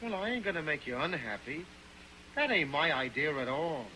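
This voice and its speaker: An actor in an early sound film playing a cocky, pushy young drifter who talks tough in slang. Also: male voice, fairly high pitch, very animated, normal speed, bright, forceful tone, slight background noise, low-quality recording. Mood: coaxing.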